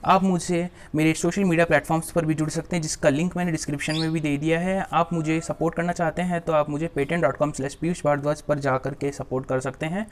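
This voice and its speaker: A man's voice: a little high, flat delivery, fast talker, hardly any pauses, a little hiss or hum. A young man from India hosting his own channel, explaining a topic straight to camera in an instructive way, recorded on a clip-on mic in a small room. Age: young adult. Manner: instructive, addresses viewers as friends. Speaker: YouTube channel host. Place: small room before a plain backdrop. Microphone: small clip-on mic on shirt.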